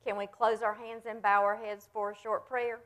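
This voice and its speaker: A woman leading a children's sermon, talking gently and plainly to the kids in front of her and coaxing them along. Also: medium pitch, level tone, moderate pace. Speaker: pastor leading a children's message.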